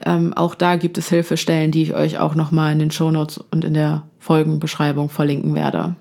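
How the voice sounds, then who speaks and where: A woman's voice: deep voice, completely flat delivery, a little fast, vocal fry, a little mellow. A young woman hosting a podcast, talking frankly and reflectively with frequent fillers. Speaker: podcast host. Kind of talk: casual chat.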